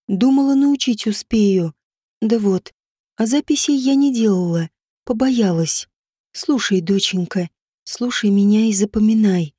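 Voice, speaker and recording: A dying witch mother, stern and tender, speaks low and slow with a muffled, breathy voice, as a woman narrator puts her on. Her tone is mellow and dark, recorded dry and close for a storybook audiobook. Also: no room sound.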